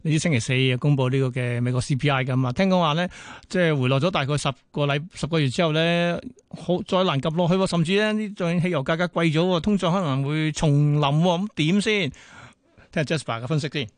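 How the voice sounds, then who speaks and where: Hong kong cantonese guy hosting money radio, talks fast, chatty, really dry studio sound. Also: on the high side, no echo. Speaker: radio host. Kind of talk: casual financial radio interview.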